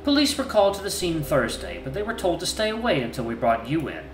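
A man voicing a calm, formal male hyena who questions a suspect in measured, precise, polite phrases. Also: on the high side, noisy background, pitched above the performer's own voice. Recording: echoey room with faint music.

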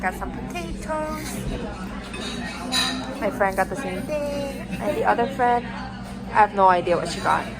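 A woman's voice: mid-range voice, lively intonation, measured pace, pauses often, over a noisy crowd. A young woman vlogging casually on a trip, chatty and laughing often. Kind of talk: casual travel vlog chat.

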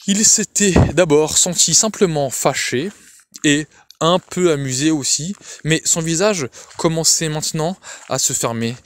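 A man narrating a classic novella as an audiobook, reading steadily with the odd slip and restart. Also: mid-range voice. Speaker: audiobook reader.

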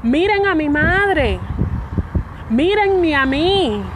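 A young woman with a Cuban accent, giving an emotional personal statement to camera outdoors, halting and repeating her words. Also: extremely high pitch, animated, background noise. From Cuba. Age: young adult. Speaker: fired state worker speaking out.

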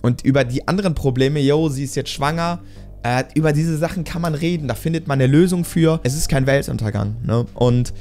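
A man's voice: fairly high pitch, a little fast, a little mellow, soft background music. A man giving casual reaction commentary on a TV show, exasperated and talking back at the screen.

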